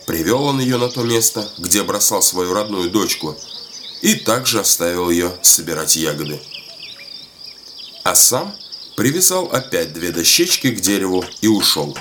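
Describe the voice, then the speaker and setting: A man reading a folk tale aloud, expressive and melodic. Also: low-pitched, normal speed, background noise. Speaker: storyteller.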